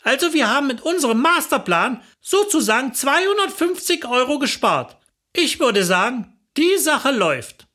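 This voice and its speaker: A woman's voice: sits high, very animated, normal speed, a bit bright. A woman narrating a comic personal story in a chatty, wry manner.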